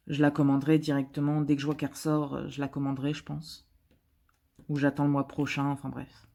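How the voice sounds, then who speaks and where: A woman's voice: low voice, dark tone. A woman vlogger chatting casually while she works on a craft, hesitant, with many filler sounds and restarts, and joking at her own expense. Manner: chatty and self-mocking. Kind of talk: casual chat while diamond painting.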